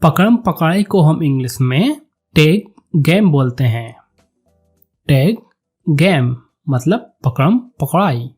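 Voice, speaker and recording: Male teacher, higher-pitched voice, very slow and deliberate word drills, faint music underneath. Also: animated, a little mellow, husky. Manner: repeats each word slowly and deliberately. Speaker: English teacher. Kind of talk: slow vocabulary lesson.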